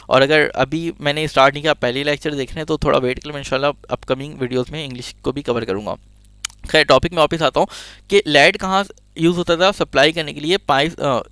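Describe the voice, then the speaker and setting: A man's voice: on the high side, creaky, fairly bright tone, smooth, no echo. A man giving a chatty science lesson, full of jokey asides and digressions. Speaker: teacher. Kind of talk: casual explanatory lecture.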